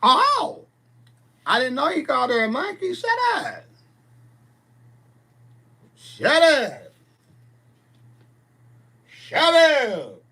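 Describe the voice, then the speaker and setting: In this clip a man in his forties hosts a casual livestream, chatting and reading viewer comments in a blunt, sassy way. His voice is extremely high with huge pitch swings and vocal fry, and his tone is sharp. He speaks extremely slowly and pauses often.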